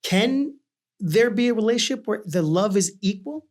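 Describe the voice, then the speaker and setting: A man with a distinctly high-pitched voice hosts a relaxed interview chat. He talks in a rambling, conversational way, with a joking streak. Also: moderate pace. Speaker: talk show host.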